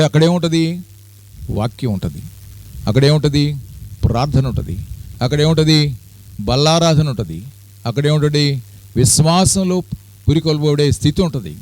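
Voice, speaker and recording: A middle-aged man preaches a sermon in a voice a little above the usual male pitch. He keeps asking his listeners questions and answering them, surging into high, loud peaks before sinking low and quiet. The sound is dry and close, with no room echo. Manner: call-and-response preaching, asks the congregation questions and answers them. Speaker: pastor.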